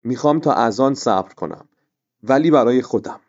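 A man voicing a young boy who feels overlooked, speaking in a high, tearful child's voice. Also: animated, a little mellow, muffled recording. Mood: resolved. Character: young boy, hurt and feeling unseen.

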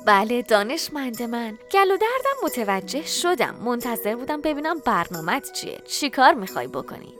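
A loving mother, voiced by a woman narrator, tender but firm, with a gently teasing edge. Her high voice rises and falls expressively. Soft music hums faintly behind the storybook reading. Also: sing-song, few pauses. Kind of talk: audiobook character voice.

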